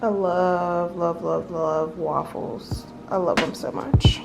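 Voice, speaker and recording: Slow-talking American woman vlogging casually. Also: fairly low pitch, steady tone, gravelly, over loud music, poor audio. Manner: informal, slangy, repeats phrases for emphasis. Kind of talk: casual chat to the camera.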